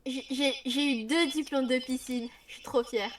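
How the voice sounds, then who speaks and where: A woman's voice: sits high, steady tone, normal speed, slight background noise. A woman chatting casually while playing a video game with her sister, goofy and playful, making silly noises. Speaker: let's play gamer. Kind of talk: casual gaming chat.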